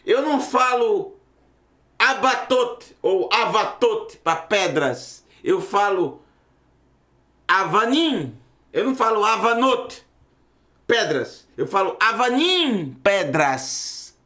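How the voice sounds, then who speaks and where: A man teaches his students a Hebrew lesson, emphatic and full of rhetorical questions, sometimes bursting into raised exclamations. His voice sits high with lively intonation and a sharp tone, he speaks slowly, and the sound is reverberant.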